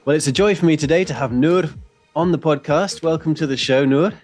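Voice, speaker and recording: A man's voice: a little high, fairly quick, darkish tone, faint music behind. A man hosting a faith podcast, introducing his guest and asking friendly, encouraging questions. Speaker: podcast host. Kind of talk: podcast interview.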